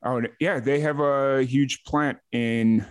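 A man from the south side of Chicago hosting a podcast, relaxed and casual, with lots of uh and you know. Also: medium pitch, takes it slowly, smooth. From south side of Chicago, USA. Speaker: podcast host. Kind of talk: casual interview chat.

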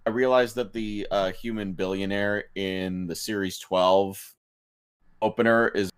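A man's voice: fairly low pitch, fairly even intonation, a little slow, clean tone. A man co-hosting a casual podcast, dry and hesitant in delivery. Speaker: podcast co-host. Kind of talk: casual chat.

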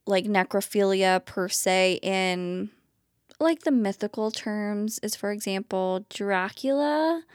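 A woman hosts a true-crime podcast in a loose, chatty way, filling her sentences with "like" and "kind of". Her voice sits at a middle pitch and is recorded close and dry. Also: smooth, dry recording. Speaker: podcast host. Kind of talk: casual chat.

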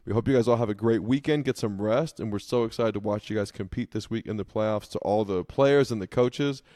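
A man's voice: lowish voice, brisk, dark tone, no room sound, clean studio sound. A man co-hosting a sports podcast, giving laid-back, casual analysis full of fillers. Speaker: podcast co-host.

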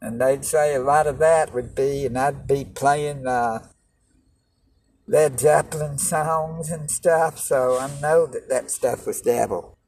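A man's voice: mid-range voice, fairly even intonation, slow, a little mellow. A man preaching like a doomsday street preacher, exhorting in a folksy, plain-spoken way. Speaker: lay street-style preacher. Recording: distant mic with noticeable background noise.

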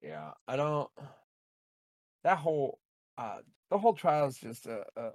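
A man's voice: fairly high pitch, very animated, measured pace, a little mellow. A man co-hosting a podcast, ranting bluntly and swearing in casual chat. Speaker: podcast co-host.

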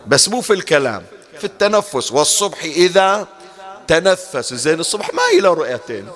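A man preaches with a slightly raised pitch. He teaches through rhetorical questions, posing each one and then answering it himself. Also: expressive, fairly quick, a bit bright. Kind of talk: religious lecture.

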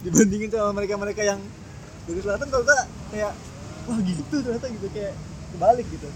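A young man with a Jakarta accent tells a story at a quick clip, in a fairly high voice, acting out each exchange he quotes. Street and traffic noise runs clearly behind him. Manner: slangy, animated storytelling that acts out quoted exchanges. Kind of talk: casual chat.

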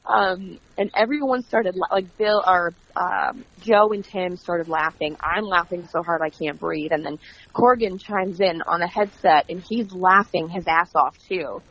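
A woman being interviewed as a wrestling commentator, telling stories in a chatty, animated way and acting out quoted dialogue. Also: on the low side, a little slow, husky. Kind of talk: casual interview. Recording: dull lo-fi audio.

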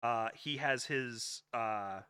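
Bright, halting podcast co-host man. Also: medium pitch, clean tone, no echo. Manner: halting, many restarts and fillers while explaining. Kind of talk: casual pop-culture chat.

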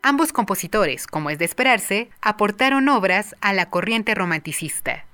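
A woman presenting a music appreciation lesson, explaining film music clearly and addressing her viewers directly. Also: mid-range voice, lively intonation, moderate pace, sharp tone. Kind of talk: scripted educational narration.

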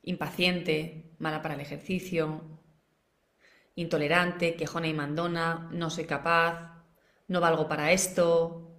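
A woman's voice: sits low, little pitch movement, a little slow, fairly bright tone. Woman with in an echoey room. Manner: asks the audience many rhetorical questions. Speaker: parenting educator. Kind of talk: live online masterclass. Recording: roomy echo.

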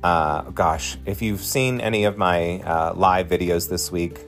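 Over soft background music, a podcast host and drag performer in his forties talks in a low, fairly even, unhurried voice. His casual monologue is chatty, effusive and encouraging, aimed directly at his listeners.

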